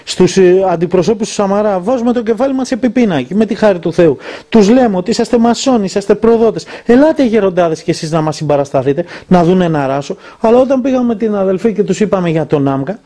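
A man's voice: sits high, animated, dark tone. A man interviewing a monk, talking heatedly and indignantly, retelling conversations at length. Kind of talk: impassioned conversational monologue.

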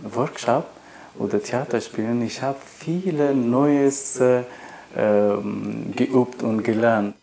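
A man from Afghanistan with an Afghan accent, speaking halting non-native German in an interview. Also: medium pitch, vocal fry, warm tone. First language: not German. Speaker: workshop participant.

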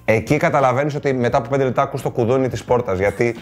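A man's voice: medium pitch, soft background music. A man co-hosting a show, chatting casually and joking along with his partner. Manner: chatty, quick to agree and joke. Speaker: co-host. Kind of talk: casual comedic chat.

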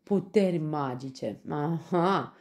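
A woman's voice: very animated, dark tone, husky, exaggerated voice. A woman voicing a boastful male lion in a storybook, who mocks and then yelps shrilly. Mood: mocking. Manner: gloating laughter turning to shrill yelps.

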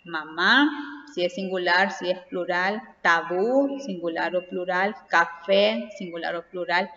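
A woman teacher giving a grammar lesson, speaking slowly and deliberately and often asking rhetorical questions. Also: lowish voice, bright, forceful tone. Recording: roomy, long reverb, dull lo-fi sound.

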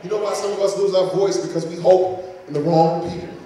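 A man's voice: high-pitched, fairly even intonation, fairly quick, warm tone. A man preaching a sermon, fervent and repetitive, with casual asides to the congregation. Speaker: pastor. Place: church sanctuary. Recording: echoey hall from far off.

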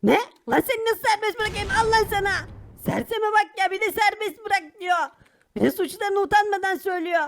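A shrill, hot-tempered poor boy. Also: lively intonation, a bit bright, a little hiss or hum, full character voice. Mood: indignant. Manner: bossy, scolding, quick to anger. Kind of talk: animated cartoon voice acting.

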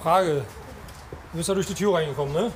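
An actor plays a reassuring, no-nonsense male police officer in a television drama. He talks quickly in a fairly high voice, with faint noise around him. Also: natural voice. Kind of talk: scripted reality police drama acting.

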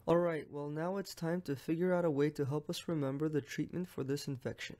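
A man's voice: fairly high pitch, steady tone, brisk, warm tone. A young man, friendly and explanatory, narrating a drawing lesson for a medical exam as its host.

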